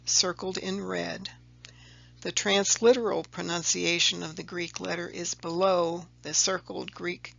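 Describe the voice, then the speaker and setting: Slide by slide, a presenter walks viewers through a letter-number table in a methodical voice-over, now and then self-correcting. The medium-pitched voice has vocal fry and a bright, forceful tone, captured with lo-fi sound.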